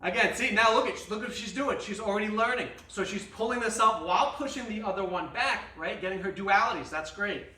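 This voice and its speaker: A man's voice: sits high, brisk, hardly any pauses, pushed and bright, reverberant, far from the mic. A man as fitness coach, leading a guided stretching class with jokes and countdowns. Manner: joking, upbeat instruction with counting. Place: fitness studio.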